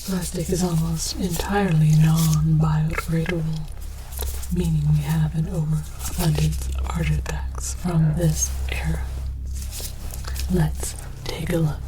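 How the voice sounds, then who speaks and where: In a slow, breathy whisper, a low-pitched woman plays a scholarly alien archaeologist who finds human artifacts fascinating. It's an ASMR roleplay styled as a mock-documentary lecture, delivered in a deliberate, mock-scholarly way. The recording is clear, though background noise with clicks comes through.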